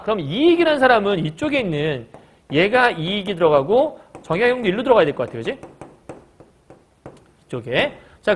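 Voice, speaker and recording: A man teaching a recorded lecture, who explains each point by asking his students questions and answering them himself. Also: high voice. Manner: acts out short quoted lines in a raised voice. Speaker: Korean language teacher.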